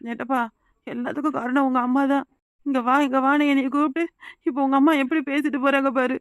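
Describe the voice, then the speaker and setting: Fast-talking Kanyakumari young wife. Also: female voice, sits high, flat delivery, dry recording, clean studio sound. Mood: pleading. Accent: Kanyakumari Tamil. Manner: rapid, insistent, pleading. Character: frightened young village wife. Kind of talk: cartoon voice acting.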